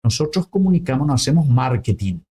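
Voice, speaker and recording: A man talks as a priest in an interview. His voice is husky and sits at a middle pitch. He tells stories and acts out the people he quotes. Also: big pitch swings, brisk, mellow. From Paraguay. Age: 60s. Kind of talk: interview conversation.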